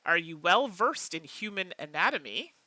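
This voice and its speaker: Animated, bright-voiced woman streamer. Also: lowish voice, normal speed, no echo. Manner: animated, laughs often, chats with viewers. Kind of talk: live game playthrough chat.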